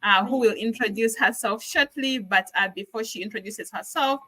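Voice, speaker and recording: A woman's voice: fairly high pitch, moderate pace, bright, forceful tone, dry recording, poor audio. A woman, hosting an online business livestream in an upbeat, welcoming way. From Uganda. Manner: upbeat, welcoming, lots of thank-yous. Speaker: host.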